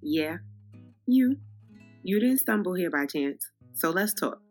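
A young woman with a New York accent, hosting a podcast in a loud, unfiltered, casual way that speaks straight to listeners. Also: fairly low pitch, animated, slow pace, faint music behind. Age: young adult. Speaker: podcast host.

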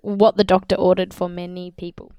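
A woman's voice: lowish voice, flat delivery, fairly quick, smooth, dry recording, muffled recording. An Australian woman co-hosting a podcast in casual, jokey, teasing chat. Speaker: podcast co-host.

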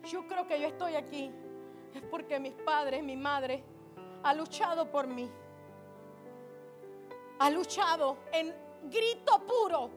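A woman preaching with great fervor, her very high voice dropping to a hush and then rising to a shout. Music plays clearly behind her in the church service. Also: slow pace, pauses often. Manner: impassioned, swings from hushed to shouting. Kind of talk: sermon.

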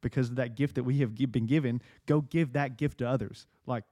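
Mellow-voiced man hosting a faith podcast. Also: medium pitch, fairly even intonation, fairly quick, no echo, clean studio sound. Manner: casual, filler-heavy with many "like" and "man". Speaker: podcast host. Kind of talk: casual faith podcast talk.

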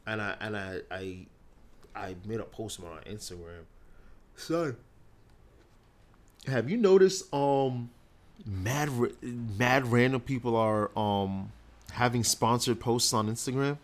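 A man's voice: medium pitch, takes it slowly, long pauses. A man co-hosting a casual podcast, ranting in slangy, petty complaints. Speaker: podcast co-host. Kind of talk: casual chat.

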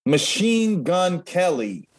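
A man's voice: high-pitched, very animated, slow. A man co-hosting a casual show, upbeat and playful, laughing easily with his partner. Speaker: co-host. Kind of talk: casual podcast chat.

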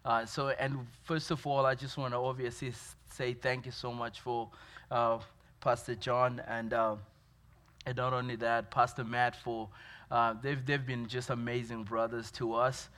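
A man's voice: mid-range voice, little pitch movement, unhurried, a bit bright. A man from Zimbabwe with a Zimbabwean accent, a pastor giving a church update with many fillers and restarts.

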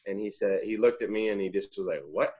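Low-voiced young man telling stories. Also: steady tone, fast talker, a little mellow, breathy edge. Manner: rambling, self-correcting anecdotes. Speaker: former college pitcher, guest. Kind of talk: casual interview storytelling.

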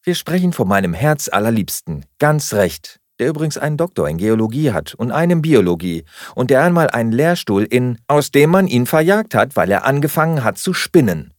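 A man voicing a flustered young woman hurriedly packing for a trip, talking fast and pleading. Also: medium pitch, big pitch swings, no echo, clean studio sound, voice pushed up, close to an everyday voice. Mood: excited.

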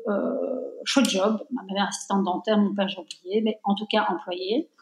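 A woman's voice: mid-range voice, steady tone, echoey room. Reflective Belgian-born woman in her fifties. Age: 50s. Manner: reflective, slow emphatic phrasing with many fillers. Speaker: guest. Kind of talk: conversational interview.

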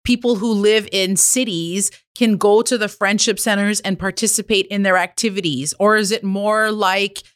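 A woman's voice: mid-range voice, fairly even intonation, normal speed, few pauses, no room sound, studio quality. A woman, interviewing in a casual, conversational and encouraging way.

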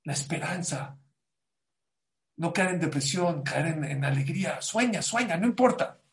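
A man giving a Torah class as a sermon, animated and preacherly, rising to loud emphatic bursts. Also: on the high side, a little slow.

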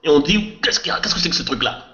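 A man's voice: fairly high pitch, lively intonation, quick pace, sharp tone. A man co-hosting a casual podcast panel, insistently repeating his point and putting questions to the group. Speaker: podcast co-host. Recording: muffled, roomy podcast recording.

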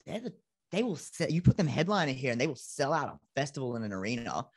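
A man's voice: mid-range voice, sing-song, quick pace, husky. Chatty Australian man. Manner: chatty, self-mocking storyteller. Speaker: band member. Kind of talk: casual interview chat.

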